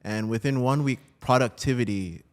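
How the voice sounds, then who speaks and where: This breathwork coach from New Jersey is a podcast interview guest who describes his work in a relaxed, conversational way. He has a mid-range voice at normal speed.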